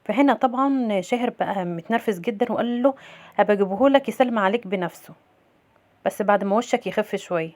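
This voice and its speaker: A woman with an Egyptian accent casually recapping a drama episode, retelling each scene and quoting the dialogue in an even voice. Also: medium pitch, fast. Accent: Egyptian Arabic. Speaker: series recap narrator.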